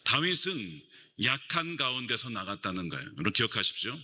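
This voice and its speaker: A man's voice: mid-range voice, sing-song, a little fast, bright, forceful tone, husky, big-room sound. A middle-aged man preaching a sermon as pastor, emphatic and asking rhetorical questions of the congregation in a church sanctuary.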